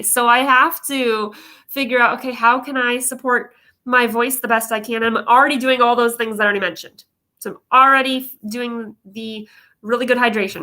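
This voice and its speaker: A woman's voice: a little high, sharp tone. A woman giving informal instructional advice to viewers as a coach, explaining with emphasis and often checking that listeners follow. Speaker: vocal coach presenting advice videos.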